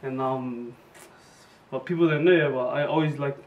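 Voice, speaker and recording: A teenage boy with a New Zealand accent, answering interview questions in a relaxed, slangy way. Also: medium pitch, moderate pace, dull audio. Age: teens. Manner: relaxed, laid-back, slangy. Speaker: interview guest, student boarder. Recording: echoey room, mic far off.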